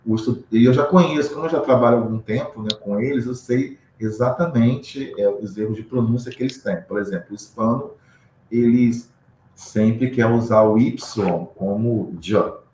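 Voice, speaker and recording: A man's voice: medium pitch, moderate pace, darkish tone. A man from Brazil, an English teacher, explaining in a casual interview, often acting out pronunciations and adding tag questions. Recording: roomy echo with faint background noise.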